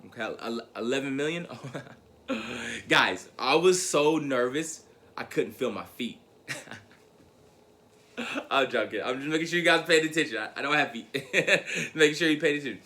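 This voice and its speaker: Bright-voiced young man telling his story. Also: mid-range voice, moderate pace, pauses often. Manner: animated storyteller who repeats words and addresses the audience as guys. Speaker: motivational speaker. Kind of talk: motivational speech, personal storytelling.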